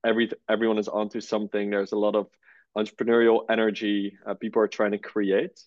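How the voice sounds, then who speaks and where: In a relaxed conversational interview, a startup co-founder in his 20s from the Netherlands speaks as the guest. His voice is lowish and level, and he talks fast and easygoing with many "uh" fillers. The audio is dull, with no room sound.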